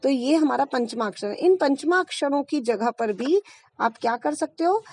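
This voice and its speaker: A woman teacher with a high, clear voice walks through grammar patiently, giving example after example and pausing to check understanding. The sound is dry and close, with no room around her. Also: lively intonation, a little mellow, no room sound. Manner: patient, explains step by step with examples and checks "ठीक". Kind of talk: Hindi grammar lesson.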